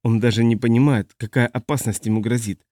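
A man's voice: mid-range voice, steady tone, brisk, dark tone, no echo, clean studio sound, lightly acted. A man reading the part of a grieving young woman, pleading in a raised, tearful voice. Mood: anguished.

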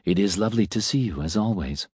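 A man voicing a calm, gentle male robot priest who talks quietly. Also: fairly low pitch, fast, slightly rough, dry recording, clean studio sound.

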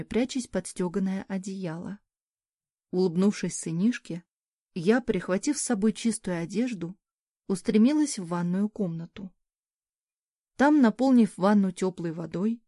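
A woman reads a novel aloud in the first person, gentle and even in her storytelling. Her voice sits at a middling pitch and is recorded close and dry. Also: no echo. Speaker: audiobook narrator. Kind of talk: scripted first-person narration.

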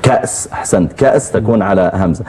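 Male lecturer, low mellow voice, casual classroom manner with light humor. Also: quick pace, breathy edge. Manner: relaxed and joking, quizzes his students. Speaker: religious teacher. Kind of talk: classroom lecture with poetry recitation. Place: classroom with students.

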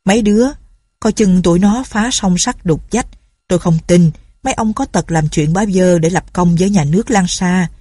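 A woman voicing an aloof young man of a landowning family, speaking in a measured, stern way. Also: on the low side, mellow, breathy edge, no echo, clean studio sound.

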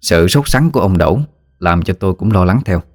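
Deep male storyteller, measured ghost-story read, dry booth sound. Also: expressive, no echo, soft background music. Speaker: narrator.

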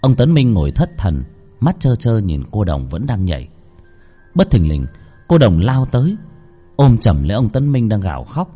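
A man's voice: lowish voice, sing-song, moderate pace, mellow, husky, faint music behind. A man narrating a horror story in a dramatic, suspenseful way.

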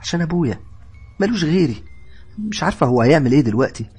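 A man's voice: medium pitch, sing-song, quick pace, darkish tone, breathy edge, soft background music. A man voicing a frightened, guilt-stricken young woman in a horror story, speaking in an Egyptian Arabic accent with a raised, strained voice. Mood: tearful, defiant.

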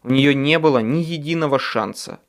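A man narrating an audiobook in first person with a dramatic, expressive delivery. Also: on the high side, brisk.

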